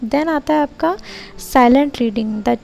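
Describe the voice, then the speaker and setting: A woman explains a teacher-training lesson plan step by step. Her voice sits high but sounds mellow and soft-edged, and her delivery is measured and methodical. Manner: methodical, steps read out in a measured way.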